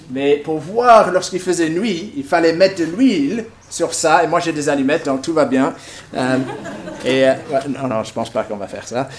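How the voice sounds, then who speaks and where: A man, acting out a Bible story with volunteers and props, lively and lightly humorous. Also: a little high. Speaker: preacher.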